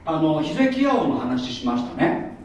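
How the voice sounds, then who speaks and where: Lively chatty pastor in an echoey hall. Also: male voice, fairly high pitch, normal speed, muffled recording. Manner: chatty, mocking asides, lively storytelling. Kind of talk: sermon. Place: church hall. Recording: echoey room from far off.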